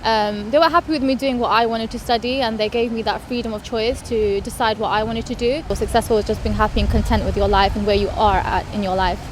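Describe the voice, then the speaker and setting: A woman's voice: a little high, fairly even intonation, fast, hardly any pauses, noisy background. A young woman who has just graduated, talking openly in an interview. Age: young adult. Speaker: recent graduate. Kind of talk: casual interview.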